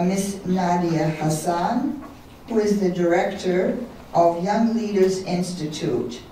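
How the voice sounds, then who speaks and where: Female moderator, formal and deliberate, warm low voice, distant hall sound. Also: a little hiss or hum. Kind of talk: introducing speakers at a forum. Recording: echoey hall from far off.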